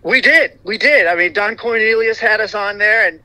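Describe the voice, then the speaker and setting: A middle-aged man, a singer in a vocal group, talks casually as an interview guest at a moderate pace. His high voice is very bright and cutting yet stays light throughout. The recording is dry, close and rough with no room sound, and he rambles with many "you know" fillers and restarts.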